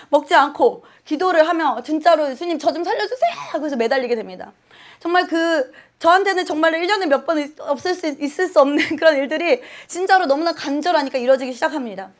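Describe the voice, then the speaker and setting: Woman with a high voice for a sermon testimony, animated and emotional, voices her own prayers aloud. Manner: laughs often while talking. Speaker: church speaker giving testimony.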